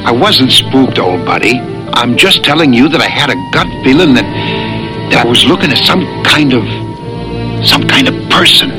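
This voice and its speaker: A man's voice: medium pitch, lively intonation, normal speed, natural voice. An actor playing an uneasy, defensive man aboard a spaceship in an audio drama. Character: uneasy male space crewman, defensive and curious. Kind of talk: dramatised audio story acting. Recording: music playing behind the voice.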